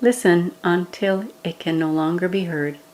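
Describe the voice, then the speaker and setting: A woman guides a meditation from a script, speaking gently and measuredly with pauses. Her lowish voice keeps a fairly even intonation.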